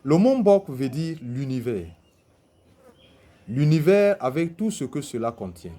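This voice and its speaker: A man's voice: mid-range voice, warm tone. A man explaining a traditional concept, asking himself questions and answering them as he teaches. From Cameroon. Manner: deliberate, poses rhetorical questions and answers them.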